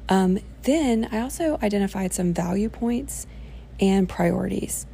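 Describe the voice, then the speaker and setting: A woman's voice: mid-range voice, lively intonation, unhurried, creaky, warm tone, a little hiss or hum. A woman leading an informal self-help workshop, rambling as she thinks aloud. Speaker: workshop presenter.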